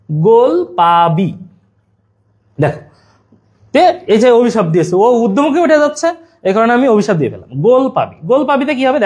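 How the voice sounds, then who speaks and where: High-voiced man teaching exam prep. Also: darkish tone. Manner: chatty, explains with playful memory tricks.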